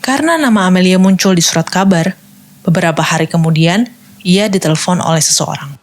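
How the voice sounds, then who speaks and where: A woman narrating a children's history story in a clear, even storytelling manner. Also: fairly low pitch, a little fast.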